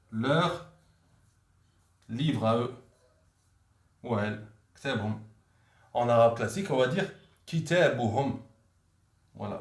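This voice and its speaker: A man teaching a vocabulary lesson, repeating each word several times so learners can follow. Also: mid-range voice. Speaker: language teacher. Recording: echoey room.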